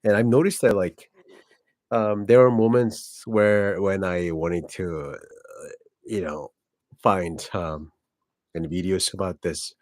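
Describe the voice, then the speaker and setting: Speaking slowly with long pauses, a forties-aged man from South Korea hosts a casual vlog monologue about his personal life. His low voice is a little mellow and fairly even in intonation, carries a Korean accent as a native Korean speaker, and rambles with many fillers and self-corrections; there's no echo.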